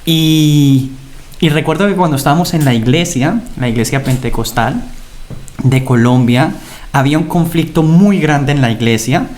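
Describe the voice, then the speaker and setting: A young man from Spain, a guest on a podcast, telling a long personal story in a thoughtful, steady way. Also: on the high side, normal speed. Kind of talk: casual chat. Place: Germany.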